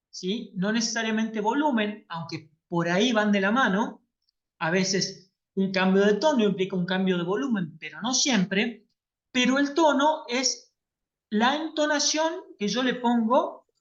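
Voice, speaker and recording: A woman teaching an online class. She explains carefully and keeps checking that her students follow. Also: a little high. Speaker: workshop teacher. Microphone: video call. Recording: lo-fi video call audio.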